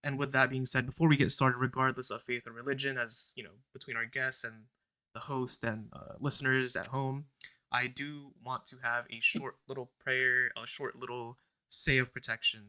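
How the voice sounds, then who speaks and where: A man's voice: medium pitch, normal speed, clear, resonant tone. A young man hosting a casual podcast, chatting loosely with many fillers. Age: young adult. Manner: relaxed, rambling, filler-heavy, recites a prayer. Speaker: podcast host.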